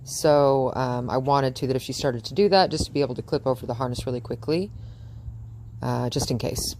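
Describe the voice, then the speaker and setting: A woman's voice: very deep voice, fairly quick, a little mellow, a little hiss or hum. A woman dog trainer chatting through a training session outdoors in front of a house, cooing praise at the dog and laughing often.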